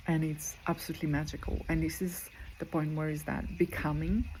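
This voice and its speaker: A spiritual coach and medical intuitive from Croatia, a woman in her forties, talks earnestly and motivationally with a Croatian accent, using repeated phrases for emphasis. Her deep, darkish voice is brisk and flat, captured on a low-quality recording with noticeable background noise.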